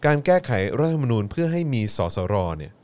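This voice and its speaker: A man's voice: fairly high pitch, big pitch swings, fast, darkish tone. Chatty male show host. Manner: chatty, polite fillers, addresses viewers. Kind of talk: casual political chat and news recap.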